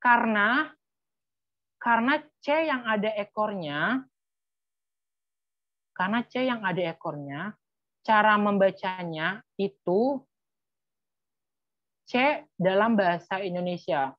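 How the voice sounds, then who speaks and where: A woman's voice: medium pitch, expressive, takes it slowly, pauses often. A woman teaching a live online language lesson, patiently spelling out letters and repeating them, with casual fillers. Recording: slightly muffled dry sound.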